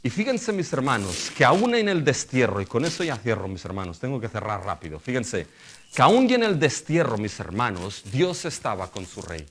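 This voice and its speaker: A man's voice: medium pitch, sing-song, moderate pace, slight background noise. A middle-aged male pastor delivering a sermon. He keeps asking the congregation rhetorical questions and addressing them as brothers.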